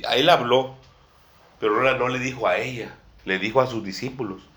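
At normal speed, a man with a medium-pitched, slightly bright voice delivers a sermon, with slight background noise and room echo. The setting is a church room with a table and a small congregation, and he repeatedly addresses them as brother and sister while reusing his phrases.

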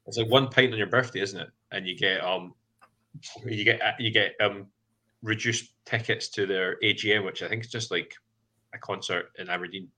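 A man's voice: fairly low pitch, fairly even intonation, moderate pace, sharp tone, poor audio. A Scottish man hosting a casual podcast chat, rambling a little and often hesitant. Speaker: podcast host.

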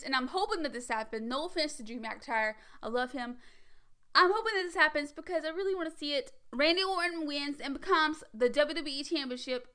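A woman chatting casually as a wrestling fan, giving her predictions in a bubbly, rambling way, full of fillers and quick whispered asides. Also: fairly high pitch. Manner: drops to a whisper for excited asides. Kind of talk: casual vlog chat.

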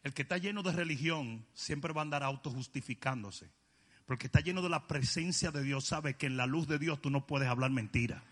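A male preacher giving an emphatic sermon, often shouting and joking with the congregation. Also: medium pitch, brisk, in a large hall.

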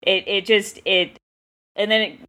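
Female podcast co-host, chatty and rambling, middle-pitched, plays out quotes. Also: steady tone, measured pace, bright, forceful tone. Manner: rambling, acts out quotes in voices. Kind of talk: casual movie-review chat.

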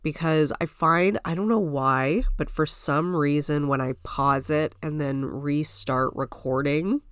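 A Canadian woman with a low, smooth voice chats unhurriedly on her solo podcast from home, congested from a cold. She rambles casually, full of "like" and "you know." The recording is dry and studio quality.

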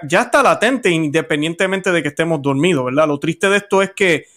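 A man interviewing a priest, agreeing and reflecting in a measured, conversational way. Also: on the high side, fairly bright tone.

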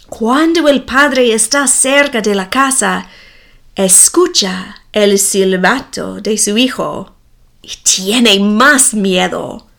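A woman narrating a story slowly, with deliberate, clearly enunciated delivery. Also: a little high, fairly bright tone.

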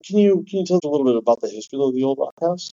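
A man's voice: mid-range voice, lively intonation, rapid-fire, mellow, lo-fi sound. A man hosting a podcast, asking casual interview questions.

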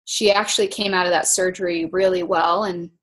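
A woman of thirty-one in a casual interview, explaining things step by step in a measured way, with some fillers. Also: on the low side, fairly even intonation, fairly bright tone. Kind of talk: casual conversation.

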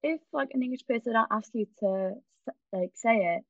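A woman's voice: on the high side, fairly quick, no room sound, muffled recording. A woman with a Welsh accent in a casual chat, talking in a hesitant, giggly, conversational way.

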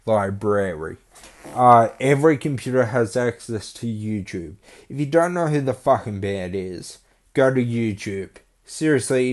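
Blunt, swearing podcast host. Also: male voice, mid-range voice. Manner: blunt and profane, heavy on filler "uh"s. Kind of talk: casual podcast monologue.

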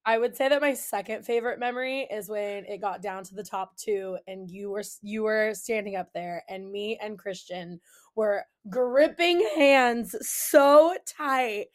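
A young adult woman from California hosts a casual podcast chat, gushing enthusiastically and warmly and agreeing readily with her guest. Her voice is mid-range and unhurried.

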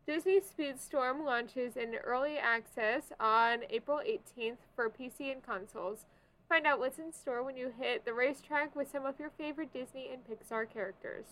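Informal, higher-voiced woman on a podcast. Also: moderate pace, fairly bright tone, poor audio. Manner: informal, loose paraphrasing between read items. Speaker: podcast co-host. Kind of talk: entertainment news podcast, reading items and chatting.

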